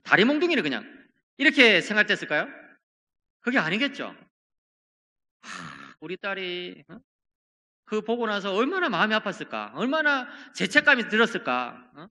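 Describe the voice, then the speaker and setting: A high-pitched, very bright male pastor preaching in a church. His voice rises and falls with wide, animated swings, and his words ring out with a long hall reverb. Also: normal speed, pauses often. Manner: earnest, swings between loud emphasis and hushed tones. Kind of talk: sermon. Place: church sanctuary.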